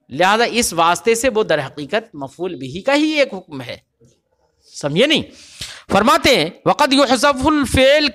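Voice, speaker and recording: A man's voice: high-pitched, a bit bright. A male religious teacher, giving a grammar lecture and often asking the class whether they have understood. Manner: explains and checks understanding with repeated questions.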